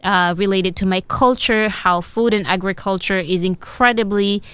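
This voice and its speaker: A woman from Senegal, a food and product developer, answering interview questions with many pauses and fillers. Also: medium pitch, fairly bright tone, smooth, no echo. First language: French.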